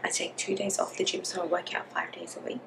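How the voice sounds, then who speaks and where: A young woman chatting casually to camera about her home routine, softly spoken and sometimes whispering. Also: on the low side, flat delivery, fast talker, gravelly, very noisy. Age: young adult. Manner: chatty, softly spoken, drops to a whisper while the baby naps. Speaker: vlogger. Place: small home kitchen and bedroom indoors. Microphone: camera at arm's length or on a counter.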